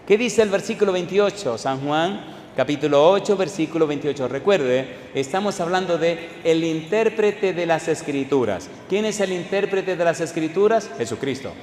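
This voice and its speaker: A male pastor preaching a sermon, firing questions at the congregation and swinging from hushed asides to loud emphatic declarations. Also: a little high, lively intonation, moderate pace, slight background noise. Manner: call-and-response questions to the congregation. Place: church hall. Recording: echoey hall with faint ambience.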